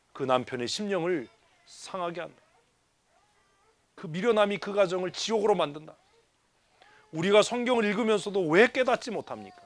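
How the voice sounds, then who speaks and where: A man preaching a sermon in church, quizzing the congregation and dropping from loud urging to low asides. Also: no room sound. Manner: swings from hushed low asides to loud exhortations; asks the congregation questions and mimics grumbling people. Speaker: pastor. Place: church sanctuary.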